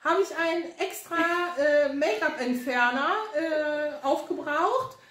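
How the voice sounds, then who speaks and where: A woman's voice: high-pitched, slow pace, fairly bright tone. A woman co-hosting a casual chat among friends, laughing often and stumbling over fillers. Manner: laughing, hesitant with many fillers. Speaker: co-host. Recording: echoey room.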